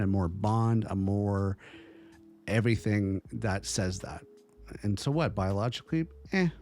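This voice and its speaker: Man, podcast host, emphatic and repetitive, low gravelly voice. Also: darkish tone. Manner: emphatic, repeats lists of phrases. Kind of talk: opinion monologue.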